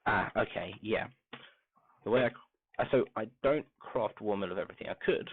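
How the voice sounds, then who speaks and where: A man streaming a game, talking softly and muttering to himself as he crafts, his grainy voice muffled as if heard through a wall. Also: fairly low pitch, fairly quick, a little hiss or hum. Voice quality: grainy voice when quiet. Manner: talks softly, mumbling to himself while crafting. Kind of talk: casual live-stream gameplay commentary. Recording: muffled phone-like mic with faint music.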